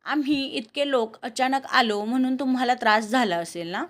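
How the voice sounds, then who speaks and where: A woman voicing a lively, cheeky young woman in a family audio story, speaking in a chirpy, teasing way. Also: a little high, normal speed, natural voice.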